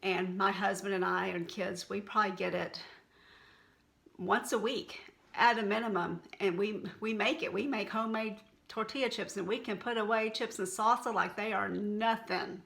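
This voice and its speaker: A middle-aged Texan woman, a wellness blogger, talks to the camera in an unscripted, casual monologue that feels chatty, candid and folksy. Her medium-pitched voice is steady and a bit bright, with vocal fry, and she keeps a moderate pace.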